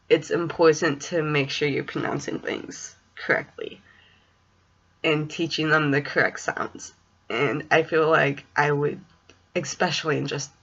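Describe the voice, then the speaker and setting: Young woman rambling slowly to her webcam, says w for r, kinda hesitant, bright but creaky voice. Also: low-pitched, dull audio. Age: 20s. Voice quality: speech impediment, says w for r. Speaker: student teacher in special education. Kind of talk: casual personal vlog. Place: small home room, indoors. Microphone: webcam or computer mic at desk distance.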